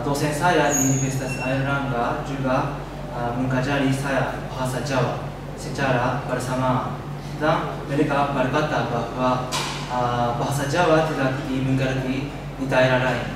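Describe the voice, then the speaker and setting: A young man with a Japanese accent delivers a student presentation in a learned language, speaking carefully as a foreigner. He is picked up from a distance in a heavily echoing room, with loud noise throughout. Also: medium pitch. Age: young adult. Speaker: exchange student giving a presentation. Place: echoey indoor room.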